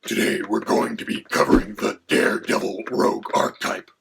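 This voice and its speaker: A voice, given as male, playing a haughty dragon companion with a gravelly, creaky, half-whispered sound. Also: fairly quick, very noisy, close to an everyday voice. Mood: lecturing. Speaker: co-host.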